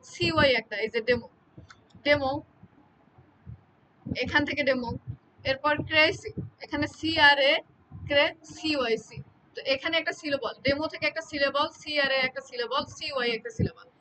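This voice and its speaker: A woman's voice: high-pitched, pushed and bright, slight background noise, rough recording. A woman teaching an exam-prep lecture, explaining with repeated examples and often checking that students follow.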